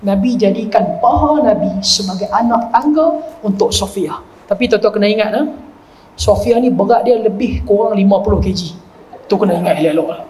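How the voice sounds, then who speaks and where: A middle-aged man giving a lively religious lecture, joking and acting out the people he quotes. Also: high-pitched, brisk, a little hiss or hum, rough recording. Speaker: preacher.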